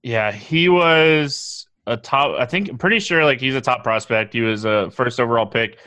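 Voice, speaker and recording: Bright, dry-voiced man with halting delivery. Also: mid-range voice, no room sound. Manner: halting, many fillers and restarts. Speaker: co-host. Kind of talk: casual podcast sports talk.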